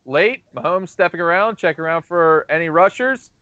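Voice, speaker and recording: A man calling football plays live, describing each snap in steady descriptive runs. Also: a little high, normal speed, dry recording, highs cut off. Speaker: play-by-play announcer. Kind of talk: live play-by-play commentary.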